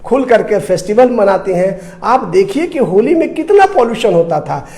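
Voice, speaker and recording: A sing-song, high-pitched and slightly mellow voice, at normal speed, comes from an Indian commentator with a Bihar-region accent. Appearing as a debate guest, he speaks passionately on politics, emphatic and repetitive, with plenty of rhetorical questions.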